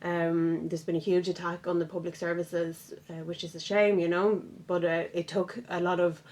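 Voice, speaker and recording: A woman in her thirties from Sweden, a native Swedish speaker with a slight Swedish accent, answering interview questions in a measured, articulate way. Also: fairly low pitch, little pitch movement, darkish tone. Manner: articulate, measured, with some fillers. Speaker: local councillor. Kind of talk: interview guest.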